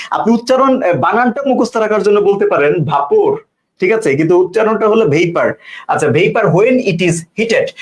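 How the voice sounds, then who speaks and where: A man teaching an English grammar class live online, repeating points and quizzing viewers with questions. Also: high-pitched. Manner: casual, teasing asides to commenters.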